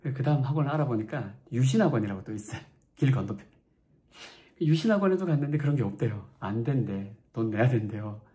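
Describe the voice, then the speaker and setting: A man's voice: mid-range voice, animated, quick pace, dark tone. A man from Daegu with a Gyeongsang accent, chattily telling his own story as a channel host, with self-mocking asides. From Daegu, South Korea. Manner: chatty, self-mocking, acts out quoted lines. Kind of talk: storytelling vlog.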